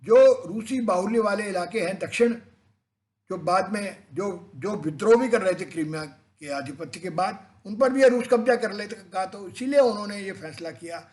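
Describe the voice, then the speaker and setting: A man's voice: high voice, normal speed, a little mellow. An older man explaining history as an educator in an unscripted lecture, switching into English phrases and restarting words as he goes.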